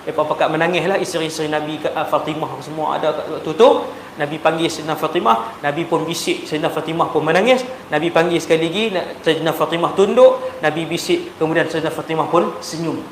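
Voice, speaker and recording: A man with a Malaysian Malay accent preaching a sermon, telling stories animatedly and swinging between loud emphasis and hushed tones. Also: fairly high pitch, quick pace. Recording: echoey hall with faint noise.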